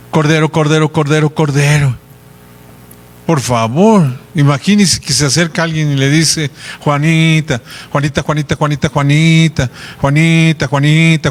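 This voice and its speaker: A male pastor preaching a sermon in a church, lively, acting out repetitive prayers to make his point. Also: a little high, long reverb tail.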